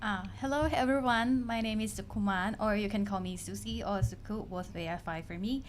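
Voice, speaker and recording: A woman's voice: mid-range voice, a little fast, a little hiss or hum. A woman from Thailand, a student panelist, introducing herself politely with some hesitation.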